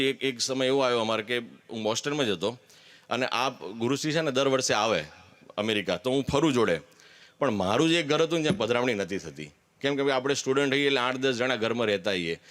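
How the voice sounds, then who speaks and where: A man's voice: medium pitch, fairly bright tone. A man gives a candid, earnest personal testimony at a religious gathering, with emphatic declarations.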